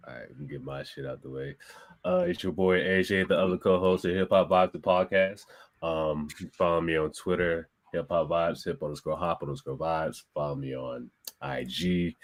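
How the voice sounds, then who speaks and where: An easygoing young man co-hosts a casual podcast. His voice sits low and deep. He eggs the others on with quick, hyped reactions. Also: fairly even intonation. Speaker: podcast co-host.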